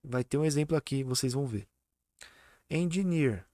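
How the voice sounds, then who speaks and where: A man's voice: mid-range voice, dark tone, no echo, studio quality. A man teaching an online exam-prep English lesson, patient and repetitive, often checking that students follow. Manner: repeats and spells out words slowly.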